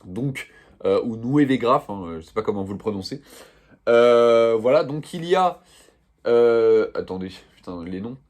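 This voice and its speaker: A man's voice: medium pitch, measured pace, a little mellow. A young man showing off his manga purchases in a casual, slangy, rambling chat full of fillers. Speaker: manga vlogger.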